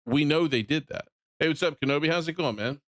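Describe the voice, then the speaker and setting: A man's voice: on the high side, quick pace. A man with a Southern American accent streaming, ranting bluntly about games and often repeating or restarting his phrases. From Southern United States. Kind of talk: live-stream reaction commentary.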